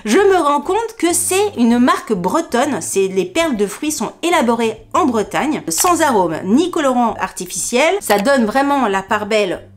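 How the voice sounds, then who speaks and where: A woman's voice: a little high, big pitch swings, a little slow. A middle-aged woman vlogger chatting casually to her viewers, enthusiastic and talkative, with many fillers and little laughs. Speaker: beauty and lifestyle vlogger. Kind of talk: casual chat to camera.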